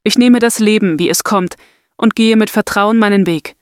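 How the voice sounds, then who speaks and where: A woman leads a guided meditation in a soft, soothing voice. Her pitch sits in the middle range, and each phrase is delivered slowly and deliberately, like scripted affirmations. The sound is close and dry. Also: dry recording.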